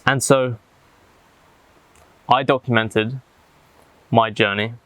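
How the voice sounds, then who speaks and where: A man speaking reflectively and haltingly, with deliberate pauses, as he vlogs outdoors in the jungle. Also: mid-range voice, steady tone, a bit bright, no room sound, poor audio. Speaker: vlogger. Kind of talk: reflective talk to camera.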